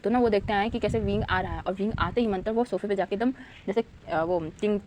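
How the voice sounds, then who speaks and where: A woman's voice: mid-range voice, fast talker, a little mellow, slight background noise. A woman retelling a story casually, chatty with many fillers.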